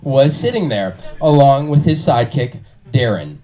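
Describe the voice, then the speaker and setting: A man telling a comic anecdote on stage with a halting, wry build-up. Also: medium pitch, sing-song, mellow, a little hiss or hum. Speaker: comic storyteller. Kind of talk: comic storytelling to an audience.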